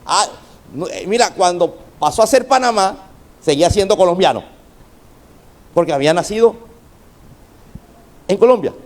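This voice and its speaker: Middle-aged male pastor, high-pitched, fervent sermon delivery that prods the congregation for responses. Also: lively intonation, moderate pace, pauses often.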